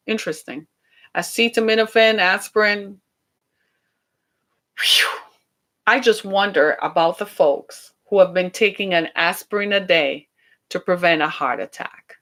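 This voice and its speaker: With a lowish voice and a sharp tone, a podcast host from the British Caribbean speaks in her Caribbean accent. Her monologue is chatty and emphatic, loaded with rhetorical questions.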